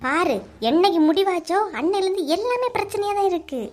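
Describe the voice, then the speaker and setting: A woman playing a sharp-tongued aunt with a Kanyakumari accent. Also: extremely high pitch, animated, brisk, slight background noise. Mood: complaining. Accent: Kanyakumari Tamil. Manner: scolding, complaining. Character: sharp-tongued middle-aged aunt, quick to blame. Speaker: comedy skit actor. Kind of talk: acted village family drama.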